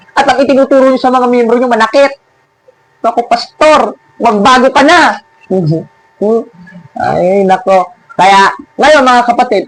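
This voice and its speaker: High-voiced sarcastic male preacher. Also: rough recording. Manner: sarcastic, scolding, laughs at his opponents. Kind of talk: preaching and mocking a rival church.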